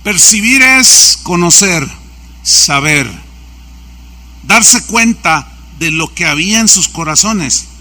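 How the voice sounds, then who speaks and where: A man's voice: sits high, animated, takes it slowly, bright, forceful tone. A man, a pastor preaching a sermon and acting out the voices of people in his stories. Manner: anecdotal, acts out quoted dialogue.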